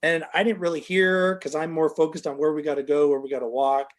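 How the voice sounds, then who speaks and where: A man's voice: on the high side, little pitch movement, fairly quick. A middle-aged man telling a long, casual story as an interview guest, full of fillers, and livelier when he quotes other people.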